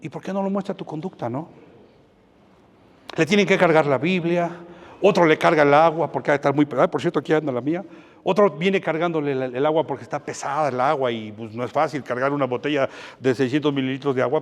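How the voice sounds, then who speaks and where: A man's voice: a little high, a little fast. A man preaching a sermon as pastor, telling stories and acting out both sides of the dialogues. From Mexico. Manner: animated storytelling, acting out dialogues. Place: church hall. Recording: church hall with long reverb.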